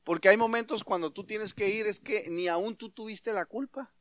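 A man preaching a sermon as a pastor, animated and acting out dialogue in his stories. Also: high-pitched, normal speed, no echo.

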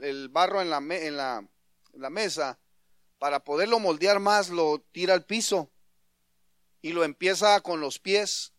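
Male preacher, high voice, dry close sound, animated storytelling sermon. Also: dry recording. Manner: animated, acts out dialogue in his stories. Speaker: pastor.

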